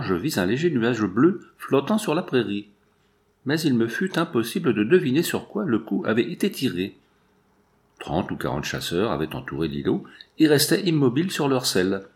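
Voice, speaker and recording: A man narrating an audiobook in an expressive, dramatic reading style. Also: medium pitch. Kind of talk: scripted narration.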